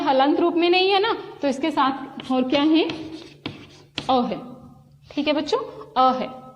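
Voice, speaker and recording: A woman teacher giving a slow classroom lesson, speaking to the children, repeating each point and coaxing them along. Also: sits high. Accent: Hindi. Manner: slow and repetitive, addressing children. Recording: dull, lo-fi sound with a long hall reverb.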